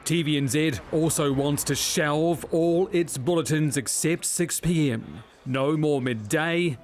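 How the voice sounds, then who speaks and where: Higher-pitched New Zealand male news reporter. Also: measured pace. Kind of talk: scripted news report and live cross.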